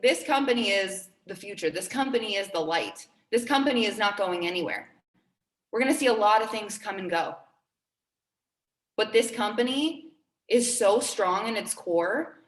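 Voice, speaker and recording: A woman's voice: medium pitch, expressive, moderate pace, reverberant. A woman in her twenties giving a motivational talk to her team, earnest and upbeat, repeating key phrases for emphasis. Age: 20s. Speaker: team trainer.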